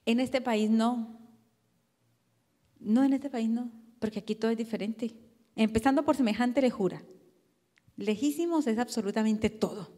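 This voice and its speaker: A woman from Colombia with a Colombian Spanish accent, preaching a sermon in a lively conversational way, asking the congregation questions. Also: a little high, big-room sound. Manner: animated, conversational preaching with rhetorical questions and acted quotes. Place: church hall.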